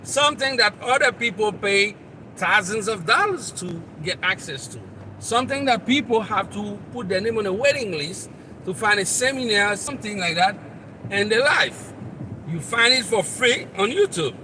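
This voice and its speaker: A Haitian man with a high voice and a Haitian accent gives a live motivational talk. He speaks straight to the listener and repeats his points earnestly. He sounds distant from the mic, over loud traffic outdoors. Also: lively intonation, moderate pace. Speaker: motivational coach and channel host. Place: outdoors near traffic, on the road.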